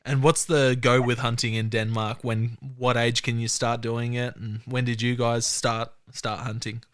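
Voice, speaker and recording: An Australian man hosting a podcast, chatting in a relaxed way with laid-back slang. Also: medium pitch, normal speed, clean tone. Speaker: podcast host. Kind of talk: casual interview chat.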